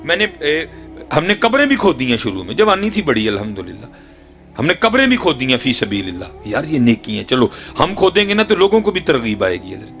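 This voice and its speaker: A middle-aged male preacher with a Punjabi accent delivers a sermon in a voice of ordinary pitch. He moves from raised, urgent exhortation to hushed, near-whispered asides. Faint music plays underneath. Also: big pitch swings. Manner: addresses the audience repeatedly as "Hazrat ji". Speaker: religious preacher.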